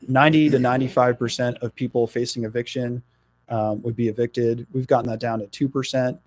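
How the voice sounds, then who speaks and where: A middle-aged political candidate hailing from New Jersey gives a radio interview, speaking earnestly but haltingly with lots of fillers. His voice is mid-range and steady in tone, with no echo.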